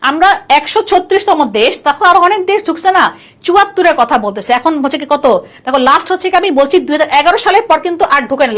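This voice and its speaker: A young woman leads an online exam-prep class, talking fast and chattily while quizzing her students. Her voice sits high and swings widely in pitch. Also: fairly bright tone. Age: young adult. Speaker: admission test tutor. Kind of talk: live online class lecture.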